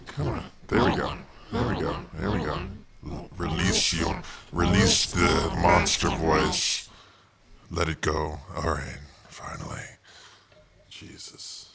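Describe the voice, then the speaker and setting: A man hosting his own livestream show, talking in a rambling, wry way with many restarts. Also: a bass voice. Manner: rambling, full of restarts and fillers. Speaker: show host. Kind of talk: casual livestream monologue.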